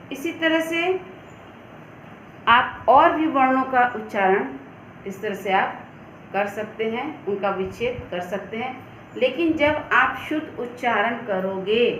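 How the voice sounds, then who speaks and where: A woman teacher gives a Hindi lesson to children, slowly sounding out words syllable by syllable. Her voice sits fairly high and moves at a deliberate, unhurried pace. The recording has a noticeable room echo and a faint hum of ambience underneath. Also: fairly bright tone. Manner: patient, slow, drawn-out syllable-by-syllable sounding. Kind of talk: online classroom lesson for children.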